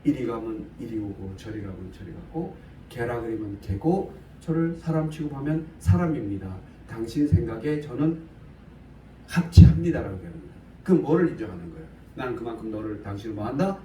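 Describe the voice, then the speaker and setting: A man's voice: medium pitch, animated, brisk, warm tone. A man preaching a conversational Bible sermon in a casual, blunt way, often asking his listeners questions. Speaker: pastor. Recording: roomy, from a distance, faint hiss.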